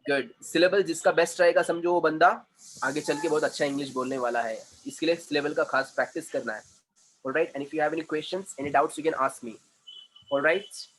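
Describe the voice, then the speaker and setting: A man's voice: fairly high pitch, moderate pace, slight background noise, rough recording. A man with an Indian English accent, teaching an online English class. He switches between Hindi and English and drills his students on syllables in a playfully stern way. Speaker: English communication trainer. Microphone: video call.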